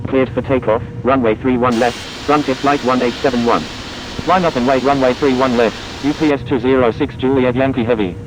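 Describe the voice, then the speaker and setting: A man speaking as a pilot on a cockpit headset, reading back clearances in clipped, procedural radio phraseology. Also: steady tone, a little fast. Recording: muffled radio with loud engine rumble.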